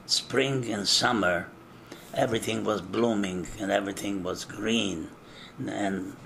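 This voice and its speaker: Older guy from eastern czechoslovakia, super slow, lots of uhs, telling his life story. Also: on the low side, gravelly, a bit bright, a little hiss or hum. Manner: slow, measured recollection with frequent hesitations. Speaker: interviewee. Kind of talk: oral history testimony.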